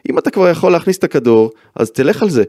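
A man's voice: fairly high pitch, expressive, mellow, no room sound, clean studio sound. A male football pundit in a casual chat who breaks down plays in detail and brings up statistics emphatically. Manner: detailed, stat-citing, emphatic.

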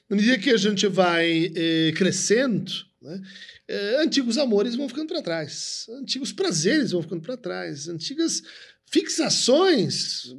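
This man's voice sits high and sounds slightly rough. Co-hosting a conversation, he explains concepts in a lecturing manner, frequently ending sentences with a questioning "right?" or "né?" tag.

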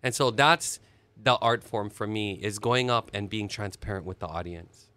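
A man, a musician telling stories in an animated, expressive way during an interview. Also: on the low side, moderate pace, no echo. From Hawaii. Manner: animated, expressive storyteller with sudden laughs. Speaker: musician guest. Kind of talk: casual storytelling interview.

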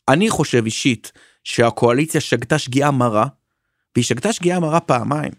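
A man speaking as a guest political commentator in a casual interview, animated and swinging between high emphatic bursts and low asides. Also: creaky, no echo, clean studio sound.

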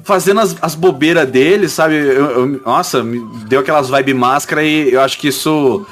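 A man's voice: on the high side, moderate pace, a bit bright, soft background music. A man with a Brazilian Portuguese accent in a casual podcast chat, speaking reflectively with hesitant restarts.

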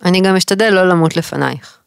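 A woman co-hosting a podcast in casual chat, speaking quietly and gently with long pauses between words. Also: lowish voice, creaky, clear, resonant tone, dry recording. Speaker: podcast co-host.

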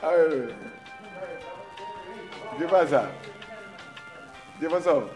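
A man's voice: on the high side, animated, extremely slow, reverberant, music in the background. A man from Peru hosting a casual interview podcast, laughing easily and firing off short reactions and questions. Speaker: podcast host.

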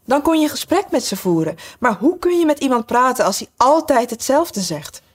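Woman voicing a spirited young storybook girl, lifted childlike tone, slightly husky. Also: high voice, big pitch swings, fairly quick, voice pushed up, full character voice. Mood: coaxing. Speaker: storybook character voiced by narrator.

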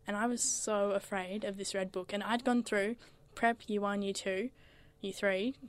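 A woman's voice: medium pitch, fairly even intonation, moderate pace, no echo. A young woman co-hosts a casual podcast and tells school stories in a chatty voice. She laughs easily between her lines. The sound is dry and close, with no room around it. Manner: chatty storyteller who laughs often. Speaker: podcast co-host. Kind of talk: casual chat.

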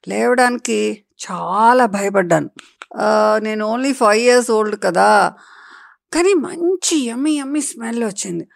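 Woman doing a storybook mother, gentle, coaxing, fairly high voice. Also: lively intonation, measured pace, gravelly, exaggerated voice. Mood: suspenseful. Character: warm mother telling a bedtime story.

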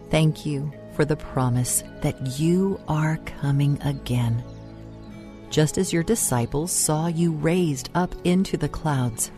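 Slow, low, soft-spoken woman guiding meditation. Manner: soft, soothing, unhurried delivery with long pauses. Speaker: meditation host. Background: music.

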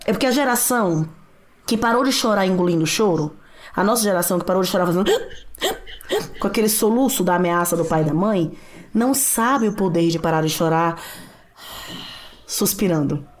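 A woman talking in a casual conversation about raising her children, earnest and animated, acting out quotes as she tells her stories. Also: lowish voice, a little fast. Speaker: mother and podcast guest.

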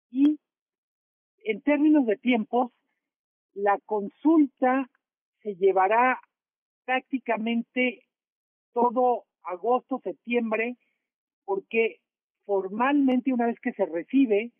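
A man's voice: extremely high pitch, no room sound. A man with a Mexican accent, a newspaper editor, explaining carefully in a phone interview. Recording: tinny phone line.

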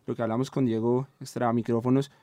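A man's voice: medium pitch, little pitch movement, fairly quick, crowd noise. A man co-hosting a sports talk show, arguing about football in a rambling way, restarting his sentences and tagging them with questions. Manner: rambling, many restarts and "¿sí?" tags. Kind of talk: casual football debate.

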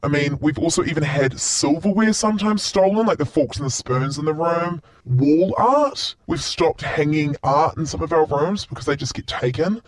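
A disguised, electronically altered voice that sounds like a man of middle pitch, belonging to an anonymous hotel worker. The recording is dry and close, with no room sound. They list things in a plain, matter-of-fact way. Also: expressive, normal speed, dry recording, rough recording. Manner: matter-of-fact listing with fillers. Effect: voice electronically altered to disguise identity.

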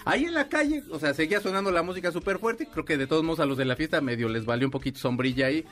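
A man's voice: on the high side, expressive, racing, a bit bright, faint music behind. A man with a Mexican accent hosting a radio show, chatting casually and telling rambling stories with a playful tone. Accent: Mexican Spanish. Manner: playful, rambling storyteller with laughs. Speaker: radio host.

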